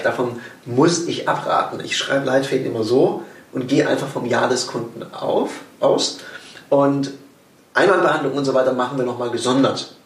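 A man talking about his trade in an easy, lively way, acting out little scenes as he goes. He sounds somewhat away from the microphone, and the room gives his voice a noticeable echo. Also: medium pitch, gravelly, far from the mic. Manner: lively, explains with acted-out examples. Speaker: sales trainer. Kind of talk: casual podcast conversation.

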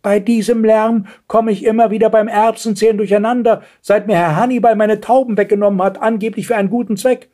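A man's voice: sits high, steady tone, a little fast, hardly any pauses, warm tone, voice pushed up, lightly acted. A man voicing an indignant, wrinkled old lady in a storybook reading.

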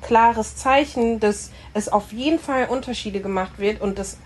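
A woman's voice: fairly high pitch, unhurried, slightly rough, poor audio. A woman in a casual discussion, thinking aloud hesitantly with many fillers.

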